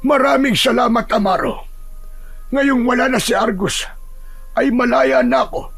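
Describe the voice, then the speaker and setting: Old grandfather figure, a man doing the voice, very high and thin, grateful, breathy. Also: measured pace, a bit bright, soft background music, exaggerated voice.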